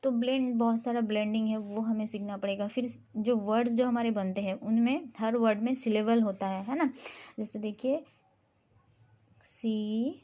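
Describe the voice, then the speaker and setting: A woman's voice: on the high side, steady tone, brisk, warm tone, lo-fi sound. Woman patiently sounding out letters. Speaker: phonics teacher. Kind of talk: explaining a phonics lesson to parents.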